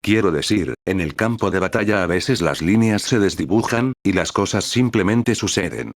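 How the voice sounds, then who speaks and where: A man's voice: low voice, animated, moderate pace, no echo. A man voicing a friendly, mischievous male priest who teases his companions. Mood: teasing. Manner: amiable, teasing.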